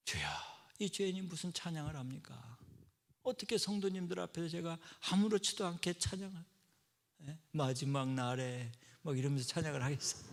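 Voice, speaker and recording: A middle-aged male pastor preaching a sermon, telling stories and acting out quoted voices, swinging from loud outbursts to soft whispers. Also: fairly high pitch, vocal fry. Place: church sanctuary. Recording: long church-hall reverb.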